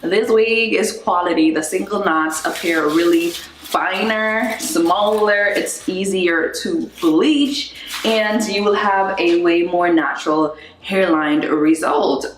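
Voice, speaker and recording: Woman gushing over a beauty product on her vlog, lower voice, big bare bathroom echo all around. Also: takes it slowly, slight background noise. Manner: upbeat, gushing, talks straight to viewers. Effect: strong echo of a bare bathroom. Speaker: beauty vlogger. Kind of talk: casual chatty product review. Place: small bare bathroom indoors, just moved in. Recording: echoey bathroom recording.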